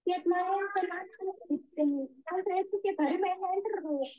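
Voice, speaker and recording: A woman's voice: extremely high pitch, moderate pace. A woman who works abroad as a domestic helper, calling in to tell her story, rambling and repeating the same little tags again and again. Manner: rambling, repeats "gitu" and "Miss". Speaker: migrant domestic worker caller. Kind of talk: telling her story on a call. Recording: tinny phone line.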